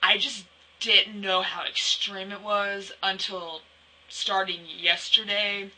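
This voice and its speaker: Teen girl, vlogger, excitable and rambling, sharp bright tone. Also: mid-range voice, slow pace, breathy edge, low-quality recording. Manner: excitable, rambling fangirl storytelling. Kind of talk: casual vlog chat.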